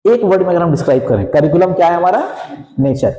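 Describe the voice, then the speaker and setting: A man's voice: high-pitched, lively intonation, quick pace, dark tone. A male teacher giving a classroom lecture, mixing English terms into his explanations, asking rhetorical questions and checking in with "theek hai". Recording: echoey classroom, long reverb.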